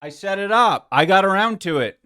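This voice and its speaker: A man's voice: high voice, expressive, brisk, sharp tone, clean tone. A man streaming live, reacting to clips with sarcastic, mocking commentary and frequent laughter.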